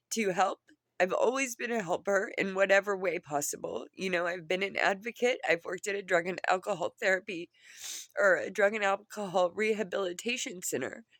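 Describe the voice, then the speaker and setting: A woman who sounds upset and tearful, as after crying, talking earnestly and haltingly in a personal confession to viewers, often repeating herself. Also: mid-range voice, a bit bright, no echo, studio quality. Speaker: vlogger.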